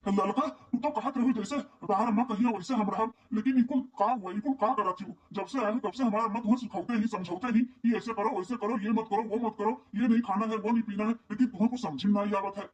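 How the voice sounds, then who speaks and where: This is a cartoon husband, young and stern, lecturing in an Awadhi accent, voiced by a man. His voice is high and quick. He sounds slightly away from the mic. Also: steady tone, far from the mic, lightly acted. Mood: reproachful. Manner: firm, lecturing. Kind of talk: cartoon comedy voice acting. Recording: voice a little off-mic.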